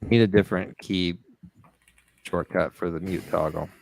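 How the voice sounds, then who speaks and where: A man co-hosting a casual chat, easygoing and filling pauses with "uh.". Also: sits low, steady tone, creaky, dry recording. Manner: easygoing, with filler words. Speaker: podcast co-host.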